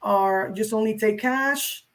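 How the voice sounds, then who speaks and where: A woman from San Juan, Puerto Rico, appears as an interview guest who educates people about crypto on social media. Her mid-range voice is slow and fairly bright, and she speaks conversationally, emphatically and with firm opinions, addressing the listener directly.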